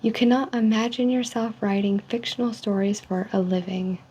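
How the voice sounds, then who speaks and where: A woman speaking softly in an ASMR role-play, reading survey statements in a polite, measured customer service manner. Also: medium pitch, fairly even intonation. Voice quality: soft, hushed. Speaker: ASMR role-player as call center agent giving a personality survey. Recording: dull lo-fi sound with faint noise.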